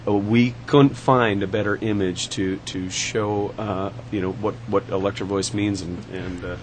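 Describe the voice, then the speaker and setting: A man's voice: lowish voice, fairly even intonation, measured pace, a little hiss or hum. A man representing a sponsor on a radio show, talking up the band in an upbeat, effusive, promotional way. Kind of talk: casual on-air chat. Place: radio station studio.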